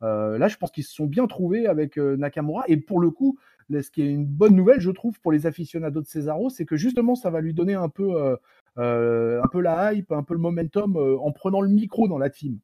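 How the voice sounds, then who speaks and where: A man's voice: fairly high pitch, a little fast, no room sound, clean studio sound. A man co-hosting a wrestling podcast, chatting playfully and cracking jokes. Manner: playful, joking, animated. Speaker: podcast co-host. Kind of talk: casual podcast chat.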